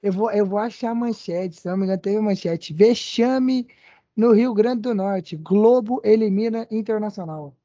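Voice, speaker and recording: Brazilian male podcast participant, soft mellow tone, slangy teasing football banter, dry close lo-fi sound. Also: high voice, moderate pace, dry recording. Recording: dull lo-fi podcast audio.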